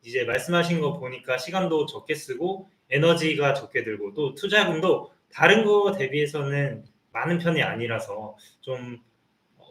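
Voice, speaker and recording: A man's voice: mid-range voice, fairly bright tone. A man hosting a live-stream talk, summarizing the guest's points in a reflective way. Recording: echoey, distant from the mic.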